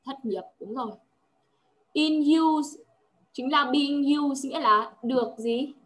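A woman's voice: sits high, slow pace, fairly bright tone. Patient woman tutoring. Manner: patient, drills words with frequent check questions. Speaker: English tutor. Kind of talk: one-on-one language lesson.

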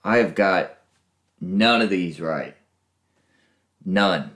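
A man hosting a reaction video, guessing aloud with lots of laughs and unsure pauses. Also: low-pitched, a bit bright, echoey room. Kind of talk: casual reaction commentary.

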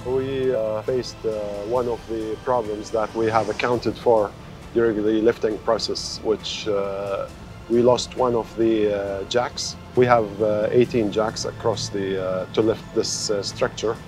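Guy at a construction site talking flat and low, lots of pauses, music playing under it. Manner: halting, many pauses. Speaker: site engineer. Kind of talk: on-site interview. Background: music bed.

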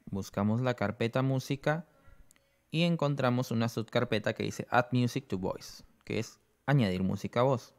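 A man presenting an app tutorial, explaining each step slowly and checking in with the listener. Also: mid-range voice. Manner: explains slowly, often adds "¿no?".

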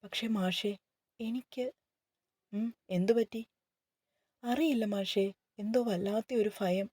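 A woman's voice: medium pitch, takes it slowly, dark tone, no room sound, studio quality. A woman voicing a timid anxious young bride.

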